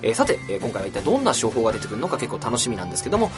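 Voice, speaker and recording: A man from Saitama, Japan, hosting a podcast that introduces new books, talking quickly in an easy, chatty way. He peppers his speech with fillers. His mid-pitched voice leaps up and down with lots of animation. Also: huge pitch swings, over music. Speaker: book podcast host.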